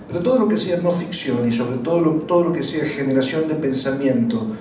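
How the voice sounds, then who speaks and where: A man's voice: a little high, brisk, a little mellow. A man with a Latin American accent putting a long, argumentative question to a panel in an articulate, emphatic way. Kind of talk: discursive, argumentative public question. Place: echoey room at a public talk. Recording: echoey room, distant mic, faint noise.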